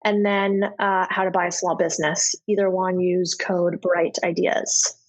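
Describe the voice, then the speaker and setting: A woman's voice: on the low side, little pitch movement, measured pace, poor audio. A woman guesting on a podcast, talking in a breezy, chatty way that is a little scattered. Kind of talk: casual interview chat.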